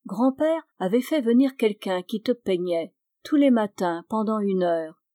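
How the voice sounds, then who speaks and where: A woman with a French accent reading a literary novel aloud as an audiobook, in a measured, calm storytelling manner. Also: medium pitch, no room sound, studio quality. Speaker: audiobook reader.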